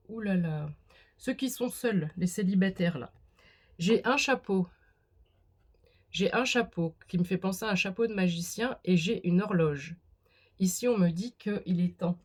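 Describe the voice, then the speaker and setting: A woman's voice: medium pitch, a little mellow. A woman doing a casual spoken card reading, talking straight to the viewer with many fillers and restarts. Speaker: card reader.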